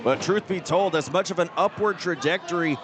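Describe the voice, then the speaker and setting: A man giving play-by-play as a wrestling commentator, with excited calls on the big moves. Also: sits high, a little fast, over music. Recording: live event with crowd behind. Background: crowd noise.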